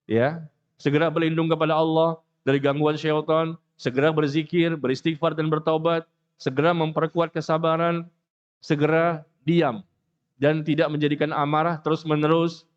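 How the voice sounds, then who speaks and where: A man giving a mosque lecture, animated and joking, acting out the people he talks about. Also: on the high side, moderate pace, clear, resonant tone, dull audio. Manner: animated, jokes, acts out quoted speakers. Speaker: preacher.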